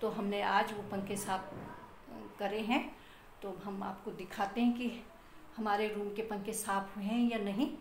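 A woman's voice: mid-range voice, little pitch movement, measured pace, echoey room, a little hiss or hum. A woman, the vlogger's mother, speaking in plain, matter-of-fact phrases during a casual family chat at home. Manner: brief, matter-of-fact replies. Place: home room, indoors.

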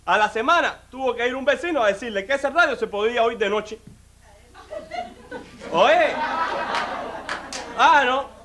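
A man's voice: extremely high pitch, lively intonation, measured pace, long pauses, sharp tone, a faint crowd. A man with a Cuban accent doing a stand-up comedy routine on stage, talking straight to the audience with lots of "mira" and "listen". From Cuba. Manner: chatty, addresses the audience directly, lots of "mira" and "óyeme".

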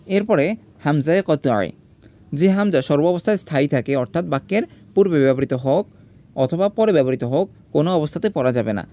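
A man's voice: a little high, animated, brisk, warm tone. A man teaching a grammar lesson. He spells out letters and vowel marks one by one, then asks his own questions and answers them himself.

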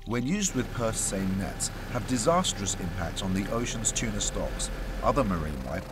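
A man reading a scripted documentary voice-over in a measured, earnest way. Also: fairly low pitch, very animated, noisy background. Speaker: documentary narrator. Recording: voice-over under loud music.

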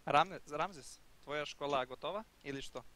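A man's voice: fairly high pitch, moderate pace, sharp tone. A man. He talks casually on a gaming voice chat. His phrasing is simple and broken, as a foreign speaker's is. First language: Serbian. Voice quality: foreign-accented, broken Russian and simple English. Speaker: pro esports player. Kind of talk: casual voice chat during an online game.

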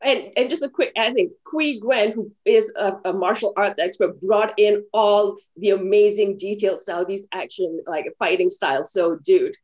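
Mellow-voiced woman from Malaysia, earnest. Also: mid-range voice, moderate pace, hardly any pauses, highs cut off. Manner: earnest, thoughtful, many fillers. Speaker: film screenwriter. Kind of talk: press junket answer. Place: home room, video call.

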